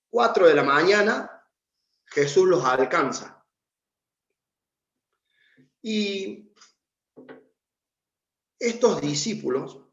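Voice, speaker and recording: A man preaching a sermon and reading from the Bible, in a conversational way with fillers. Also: sits high. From Argentina. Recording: echoey room, dull lo-fi sound.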